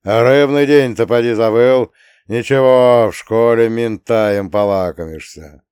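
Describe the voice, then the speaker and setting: A male reader puts on a gruff old war veteran grandfather from an audiobook, coarse and swearing as he grumbles. He speaks a bit louder and slower than the narration, in a low register. The recording is dry and close. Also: no echo, natural voice. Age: older.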